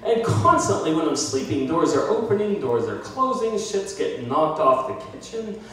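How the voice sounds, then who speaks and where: Filmed on a phone from the audience, an American comedian in his thirties performs stand-up indoors at a small bar with brick walls, holding a handheld mic. His voice is a little high at a moderate pace, animated and self-deprecating, with voices for bits. The echoey, distant recording carries slight background noise and audience laughter.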